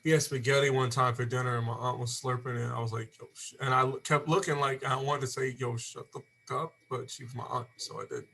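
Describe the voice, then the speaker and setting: A man's voice: mid-range voice, level tone, quick pace, gravelly, hardly any pauses, pushed and bright. A man co-hosting a podcast in casual chat, blunt and swearing casually. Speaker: podcast co-host.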